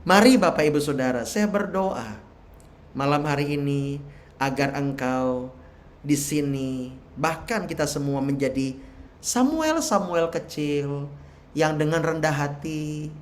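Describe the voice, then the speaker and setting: A man preaching a sermon at a church service, slow and humorous, leading into prayer. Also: a little high, lively intonation, a little hiss or hum. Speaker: pastor. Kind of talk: sermon with prayer and worship singing.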